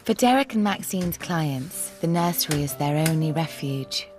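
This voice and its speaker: A British woman giving calm, measured, scripted narration for a documentary. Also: sits low. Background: music.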